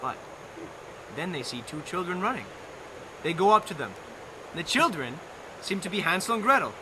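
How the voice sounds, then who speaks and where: Telling a bedtime story as a live stage-style performance, a young male narrator with a high, very animated voice hams it up, drawing out and repeating phrases playfully. The setting is an outdoor lawn, captured in a noisy amateur live recording.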